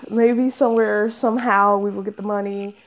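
A woman's voice: a little high, a little slow. A woman in her thirties chatting casually as a vlogger, rambling and self-mocking and often breaking into laughter. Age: 30s. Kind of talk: casual chat.

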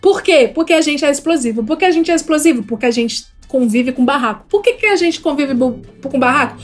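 High-voiced woman hosting with playful jokes. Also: expressive, brisk, faint music behind. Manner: playful, joking, rhetorical questions. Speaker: podcast host. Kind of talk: casual chat.

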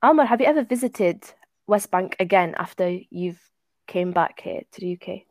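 A woman's voice: on the low side, animated, moderate pace, a little mellow, no echo. Young woman hosting a podcast. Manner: friendly interviewer, short backchannels. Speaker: podcast host. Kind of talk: casual podcast interview.

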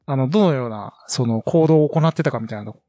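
A man's voice: mid-range voice, quick pace, dark tone, no room sound. A man co-hosting a casual podcast chat, rambling on with many fillers and restarts. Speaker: podcast co-host.

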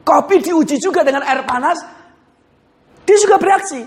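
A male pastor preaching a sermon in a lively, conversational storytelling manner, often chuckling as he talks. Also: extremely high pitch, normal speed.

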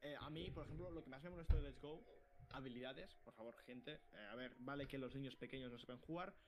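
A man from co-hosting a casual podcast, telling stories fast and laughing often. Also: mid-range voice, noisy background. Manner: fast, animated, laughing storyteller. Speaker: podcast co-host. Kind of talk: casual chat.

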